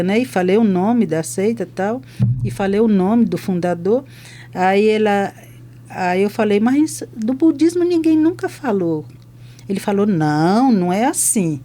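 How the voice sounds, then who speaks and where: Older woman, chaplain; warm, mellow voice; lively storyteller who acts out the dialogue. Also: mid-range voice, a little slow. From Brazil. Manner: lively retelling that acts out both sides of conversations. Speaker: hospital chaplain. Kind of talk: podcast testimony storytelling.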